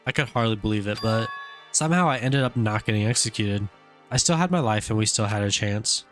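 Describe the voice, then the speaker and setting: A man's voice: lowish voice, brisk, fairly bright tone. A man doing a game playthrough, reading the dialogue theatrically with casual commentary. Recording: game music behind the voice. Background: game music and short character voice clips.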